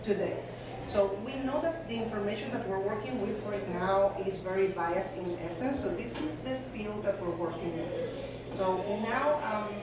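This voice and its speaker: A woman with a mid-range voice gives a presentation at a conference hall, speaking at normal speed in a loose, conversational style full of fillers. The recording is distant, echoey and noisy.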